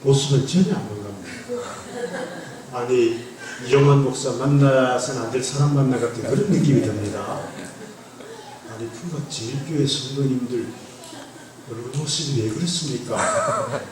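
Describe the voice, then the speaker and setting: In a church sanctuary, a medium-pitched male guest pastor from Andong gives a playful testimony sermon, teasing the congregation with huge pitch swings, a moderate pace, and frequent pauses. His North Gyeongsang accent is slight. Background noise accompanies the echoey, distant recording.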